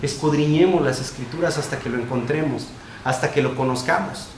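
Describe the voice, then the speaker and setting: A man preaching a sermon as pastor, emphatic and repetitive, with quick shifts between loud and soft. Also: fairly high pitch. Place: church sanctuary. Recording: echoey church room with faint noise.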